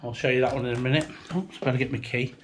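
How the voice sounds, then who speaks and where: A British man in his fifties, a hobbyist video maker, gives a chatty, unpolished, rambling show-and-tell outdoors beside a house on a breezy day. His mid-range voice is steady and very fast. It is recorded on a handheld camera or phone, with background noise.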